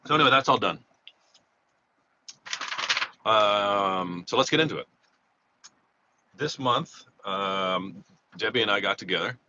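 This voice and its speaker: An unhurried man with a fairly low voice leaves long pauses as he chats through his live monthly slot recap. He's shaking off a cold, rambling casually outdoors near a freeway and restarting often. The audio is a little dull, with faint freeway sound in the background.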